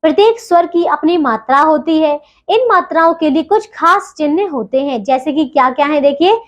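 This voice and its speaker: A woman teaching a grammar lesson to children, patient, spelling sounds out slowly and checking in with them often. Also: high-pitched, expressive.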